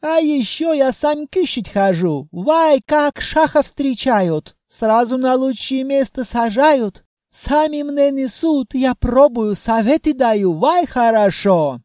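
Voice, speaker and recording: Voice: high voice, slow, dry recording, studio quality, voice pushed up. A reader doing a boisterous wizard innkeeper. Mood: boastful. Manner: broken Russian, loud exclamations, effusive hospitality. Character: jolly male blue-skinned wizard, kebab-house owner. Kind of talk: audiobook character voice.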